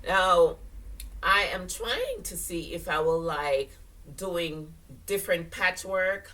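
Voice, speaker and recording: This low-quality recording catches an older Jamaican woman, a fashion vlogger, from a distance as she chats to camera with lots of fillers and laughter. Her fairly low voice is very animated, slow, pushed and bright, and her sinuses sound congested.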